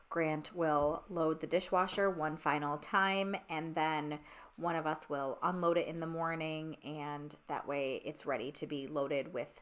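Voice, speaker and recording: A young woman narrating her family morning routine as a voice-over, in a chatty, relatable mom tone. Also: low-pitched. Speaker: stay-at-home mom vlogger.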